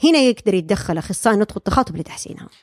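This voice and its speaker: A young woman talks quickly and explains her field as a guest, with fillers and restarts and English terms mixed in. The sound is dry and close. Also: medium pitch, expressive, no room sound. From Saudi Arabia. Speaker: speech-language pathologist guest. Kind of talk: casual podcast interview.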